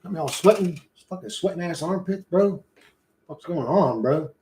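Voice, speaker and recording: A man streaming live chats casually with his viewers, rambling, reading and answering chat, swearing freely, and calling everyone "bro" a lot. His voice is fairly high, expressive, and darkish in tone, at normal speed.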